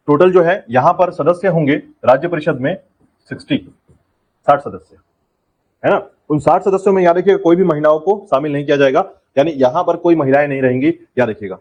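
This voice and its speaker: A man's voice: on the high side, a little mellow, low-quality recording. A man teaching an exam-prep lecture, drilling key points and repeatedly telling students to remember them. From India.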